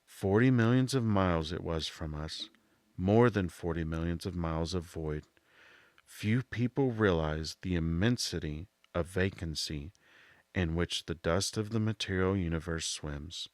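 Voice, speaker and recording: Soft, low-voiced man reading a classic novel. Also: measured pace, no echo. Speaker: audiobook narrator. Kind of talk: scripted literary narration, soft-voice reading.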